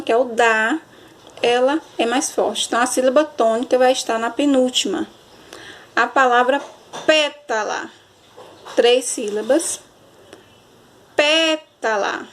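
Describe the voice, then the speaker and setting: A woman teacher, giving a recorded grammar lesson and often checking understanding with a quick question. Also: high-pitched. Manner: explanatory, checks understanding with frequent "certo?"; stretches and stresses example words slowly.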